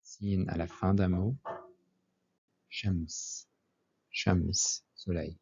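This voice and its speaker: Man, slow methodical lesson, repeats each word, dull lo-fi recording. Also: deep voice, level tone, vocal fry, darkish tone, breathy edge. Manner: spells out letters and repeats each word twice. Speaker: Arabic teacher.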